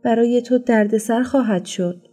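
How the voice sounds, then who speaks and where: A sick, worn-out enslaved woman pleads in a weak, fearful voice, read by a woman. The tone is mellow and subdued, with faint music in the background. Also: fairly high pitch, natural voice. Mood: pleading.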